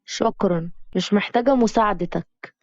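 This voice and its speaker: A woman's voice: medium pitch, normal speed, darkish tone, dry recording, natural voice. A proud young woman with an Upper Egyptian accent answers back sharply, voiced by a woman storyteller. Her cutting replies sound dry and close. The recording is slightly dull. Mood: bitter. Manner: defiant, cutting.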